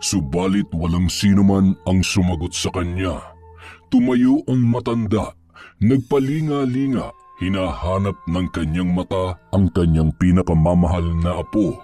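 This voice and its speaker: A man narrating a scripted horror story in a measured, suspenseful storytelling manner. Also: low voice, dark tone, faint music behind.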